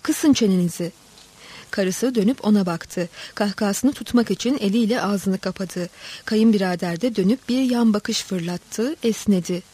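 A woman narrating a literary story in a steady, dramatic reading voice. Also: medium pitch, moderate pace, husky.

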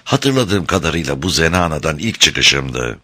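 A man reading the part of a lovesick young woman in a storybook, speaking softly and close to tears. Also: very deep voice, big pitch swings, normal speed, full character voice. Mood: tender. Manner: soft, whispering, near tears.

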